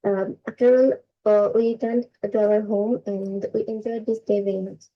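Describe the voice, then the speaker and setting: Slow, hesitant woman with a Bengali accent, muffled audio. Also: mid-range voice, fairly even intonation. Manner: careful, hesitant, with many uh fillers. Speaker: student. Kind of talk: practiced spoken presentation. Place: online video class.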